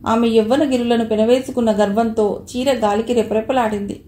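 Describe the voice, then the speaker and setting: Woman narrator reading a novel, smooth and steady, fairly high mellow voice, roomy echo. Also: a little fast. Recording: echoey room.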